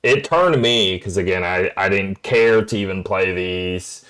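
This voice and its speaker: A relaxed man joining in on a podcast chat, laughing along easily with his co-hosts. His voice sits a little low. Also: a little slow, clear, resonant tone, low-quality recording. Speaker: podcast co-host. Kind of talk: casual chat.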